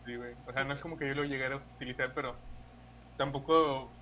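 A man's voice: mid-range voice, fairly even intonation, fast, pushed and bright, muffled recording, a little hiss or hum. A young Mexican man co-hosting a podcast in casual chat, easygoing and hesitant, often repeating himself. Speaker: podcast co-host.

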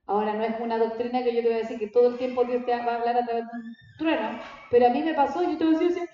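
A woman's voice: on the high side, steady tone, rapid-fire, dark tone, slight background noise. A woman pastor, teaching her congregation in a conversational way and often asking them questions. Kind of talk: church teaching talk. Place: church hall. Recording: very echoey church hall, dull sound.

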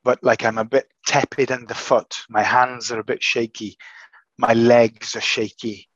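A man of middle pitch hosts a casual chat, talking slowly through a long recovery story with frequent false starts. His voice sounds a little altered by the illness. The recording is dry and somewhat dull. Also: level tone, a bit bright, no room sound. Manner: hesitant, halting with many restarts. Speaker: podcast host.

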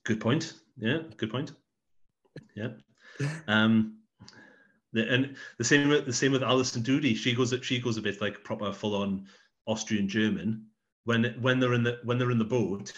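A man's voice: mid-range voice, steady tone, moderate pace, dull audio. A man co-hosting a casual film-review podcast, rambling and restarting his sentences. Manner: rambling, repeats words as he restarts. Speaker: podcast co-host.

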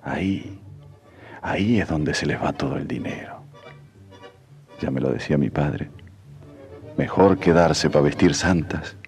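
An actor playing a put-upon, grumbling husband in a radio drama, plaintive and exclamatory. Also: male voice, extremely low pitch, unhurried, pauses often, a little mellow. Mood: bitter muttering. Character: put-upon, pleading househusband who turns bossy and grumbling. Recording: music behind the voice.

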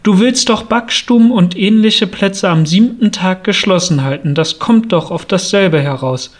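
A man's voice: sits high, measured pace, pitched above the performer's own voice. Read-aloud stern male spirit, reproachful and declaiming, voiced by a man reading. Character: stern male Christmas spirit rebuking a miser.

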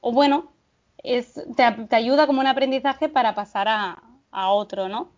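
Woman, interview host, enthusiastic, hesitant restarts, higher voice, lo-fi. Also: moderate pace. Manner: enthusiastic, hesitant, repeats words. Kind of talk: conversational interview. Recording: dull lo-fi sound.

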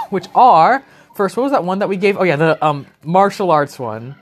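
A man's voice: high voice, expressive, a little slow. A young man co-hosting a let's play, rambling through silly jokes and giggling often. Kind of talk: casual gaming chat. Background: video game music.

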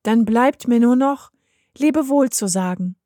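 A woman's voice: a little high, a little slow, dark tone, no echo, studio quality, pitched above the performer's own voice, natural voice. A woman voicing Mirko, a young male traveller who is skeptical and then nervous, in a storybook reading with a raised, earnest delivery.

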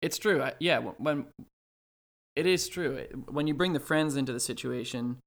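A young man with a mid-pitched voice chats casually as a podcast co-host. He thinks out loud, feeling his way through sentences and often rephrasing as he goes. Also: moderate pace, vocal fry. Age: early twenties. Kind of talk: casual chat.

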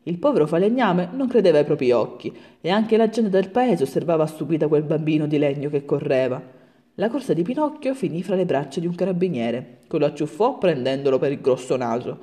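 A woman narrating a bedtime fairy tale in a soft, soothing manner as a storyteller. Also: low voice, lively intonation, a little fast.

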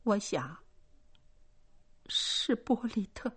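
A young farm girl whimpers and stammers through her tears in this storybook reading, voiced by a woman. Her voice sits high above the reader's own and wavers. The lines come slow and broken. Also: animated, slightly rough, full character voice. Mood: stammering. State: crying. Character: young farm girl, pregnant, sobbing and timid.

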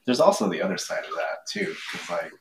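A man co-hosting a podcast, easygoing and joking in casual chat. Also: a little fast. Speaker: podcast co-host. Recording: distant mic with faint noise.

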